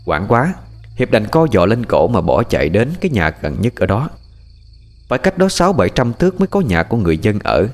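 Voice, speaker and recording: Lively low-voiced male ghost story narrator. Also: a little fast. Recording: faint music and night crickets behind.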